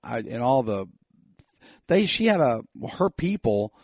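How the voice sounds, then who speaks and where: A man co-hosting a casual podcast, telling a story with animated bursts when heated. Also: medium pitch, unhurried, no room sound. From North Carolina. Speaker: podcast co-host. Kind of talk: casual chat. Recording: slightly dull dry sound.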